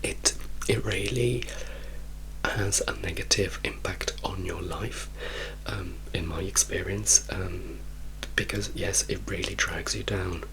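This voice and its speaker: A man from Italy gives a soft-spoken ASMR ramble in a hushed, mostly whispered voice, unhurried and repeating words for emphasis. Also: deep voice, steady tone, slight background noise, rough recording. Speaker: ASMR creator telling personal stories.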